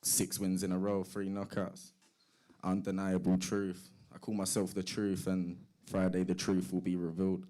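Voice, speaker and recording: A man's voice: deep voice, monotone, moderate pace, dark tone. A man in his twenties promoting a fight as a boxer, boastful, speaking in short punchy phrases. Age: 20s. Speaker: boxer at a press conference.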